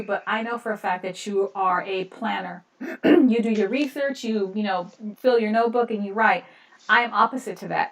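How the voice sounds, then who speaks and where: A woman's voice: medium pitch, far from the mic. A woman co-hosting a casual live-stream chat, rambling and laughing often. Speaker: podcast co-host.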